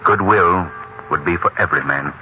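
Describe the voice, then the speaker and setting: An actor playing a kindly, self-assured gentleman hero of an old radio mystery, speaking in a gently commanding way. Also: low-pitched, normal speed, highs cut off, lightly acted. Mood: genial. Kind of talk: 1930s radio acting. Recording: scratchy old radio recording.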